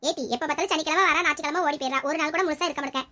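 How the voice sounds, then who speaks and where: A high-pitched woman rattles through a family comedy skit at a breakneck pace. She bickers and teases in quick village banter. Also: bright, forceful tone. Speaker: comedy sketch performer. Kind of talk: family comedy skit, playing several relatives.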